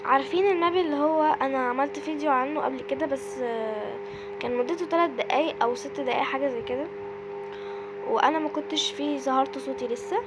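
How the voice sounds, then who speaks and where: A woman with an Egyptian accent giving casual, excitable commentary as she plays a game, often shrieking and exclaiming. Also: high-pitched, fast, over music, rough recording. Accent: Egyptian Arabic. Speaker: gaming video creator.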